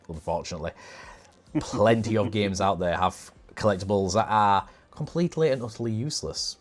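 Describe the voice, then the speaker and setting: A man with a northern English accent, hosting a casual gaming podcast in a chatty, self-mocking way. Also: on the low side. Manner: chatty, laughs at himself. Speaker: podcast host.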